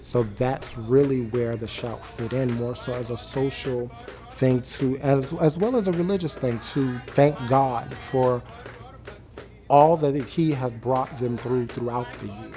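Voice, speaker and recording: A man from coastal Georgia, speaking earnestly and deliberately in a reflective documentary interview. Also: medium pitch, warm tone. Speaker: member of a traditional singing group. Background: music.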